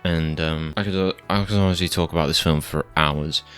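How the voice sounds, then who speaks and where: A man's voice: very deep voice, fairly even intonation, brisk, a bit bright, clean tone, soft background music. A man giving casual film reviews in a laid-back, rambling, slightly hesitant way.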